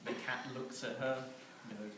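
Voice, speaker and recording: A man's voice: medium pitch, fairly even intonation, moderate pace. A man telling an absurd comic story, rambling and chuckling as he goes. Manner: rambling, chuckling, with many fillers and restarts. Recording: echoey room, far from mic, noisy.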